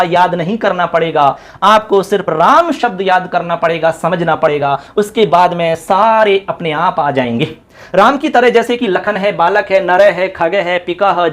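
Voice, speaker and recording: A male teacher giving an exam-prep grammar lesson, chanting word forms in quick runs and talking to viewers as friends. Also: sits high, fairly bright tone. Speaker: Sanskrit teacher.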